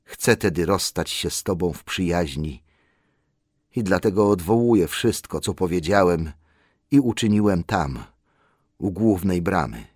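A man voicing a dying male dwarf king in a storybook reading, quiet, grave and solemn. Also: low-pitched, lively intonation, unhurried, husky, no room sound, studio quality, exaggerated voice. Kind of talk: audiobook character voice.

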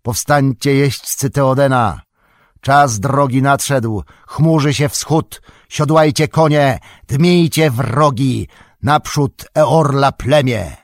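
Male narrator doing a commanding aged king, low and husky, dry audiobook read. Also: a little slow, darkish tone, no echo. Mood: rousing. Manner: stern, rousing battle call. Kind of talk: audiobook character voice.

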